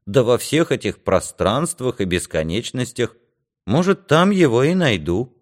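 A man reading aloud, voicing a teenage boy who calmly and firmly insists on leaving. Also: medium pitch, measured pace. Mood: stubborn. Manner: firm and calm, set on leaving. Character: stubborn, quietly determined teenage boy.

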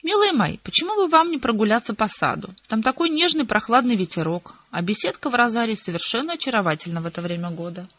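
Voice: medium pitch, animated, fast talker, breathy edge. A reader voicing a fussy middle-aged mother who gossips and is easily scandalized, in a slightly dull audiobook recording. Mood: sugary.

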